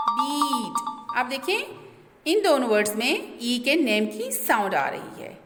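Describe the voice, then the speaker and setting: A woman teacher slowly and patiently explaining vowel sounds, asking and answering her own questions. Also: a little high. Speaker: English teacher. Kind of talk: recorded online lesson. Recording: echoey room with long reverb.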